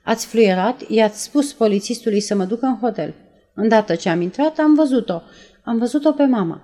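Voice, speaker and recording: A woman reading aloud and voicing a nervous young woman who retells events in a breathless, halting way. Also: a little high, mellow, close to an everyday voice. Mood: tense. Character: nervous young woman, shaken after a shooting.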